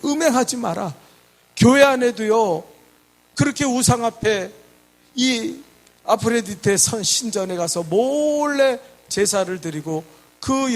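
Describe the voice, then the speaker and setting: A male pastor preaching a sermon in a church, asking the congregation rhetorical questions and leading them in call-and-response. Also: high voice. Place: church sanctuary.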